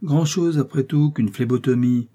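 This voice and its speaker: A man's voice: mid-range voice, moderate pace, dark tone, lightly acted. A man voicing a pompous, self-important middle-aged village pharmacist who lectures and scolds at length. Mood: scolding.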